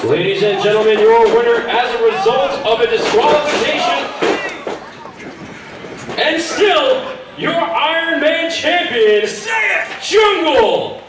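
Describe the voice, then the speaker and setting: A man making a drawn-out ring announcement, recorded from far off in an echoey venue. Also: very high voice, expressive, crowd noise, background noise.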